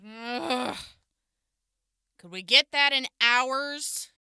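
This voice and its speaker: Very high, bright female voice, actress as flustered, foul-mouthed young jailed woman, audio drama. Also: drawn-out words, clear, resonant tone, no echo, clean studio sound, exaggerated voice. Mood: irritated.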